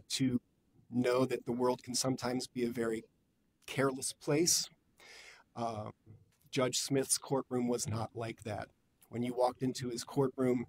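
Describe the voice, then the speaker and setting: A man giving public comment at a formal meeting, speaking in a halting, deliberate and earnest way. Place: government meeting room. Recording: noisy public meeting room with low rumble.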